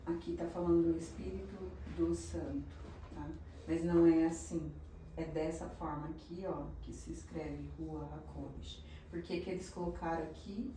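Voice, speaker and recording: Woman teaching slow, lowish voice, kinda far from the mic in an echoey room. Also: fairly even intonation, warm tone, slight background noise. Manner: slow, explanatory, often checks in with "tá?". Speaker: religious teacher. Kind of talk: teaching Hebrew names from a written page.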